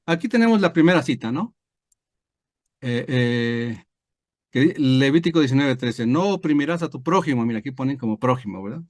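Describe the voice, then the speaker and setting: A pastor teaching a Bible study over a video call, explaining step by step with many fillers and tag questions. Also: male voice, mid-range voice, expressive, normal speed, no echo, clean studio sound. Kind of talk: online screen-share Bible lesson.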